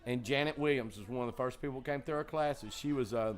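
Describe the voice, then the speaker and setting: A man's voice: mid-range voice, fast talker. A man who runs a comedy club, chatting casually in a green room, telling long stories full of fillers and restarts. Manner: rambling, lots of fillers and restarts. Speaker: comedy club owner, co-host. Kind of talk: casual storytelling chat.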